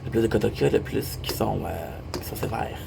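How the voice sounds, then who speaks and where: A man's voice: fairly low pitch, steady tone, fast, vocal fry. A young Québécois man telling a rambling story in a casual monologue, repeating himself and swearing casually. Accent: Québécois French. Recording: noisy background hum.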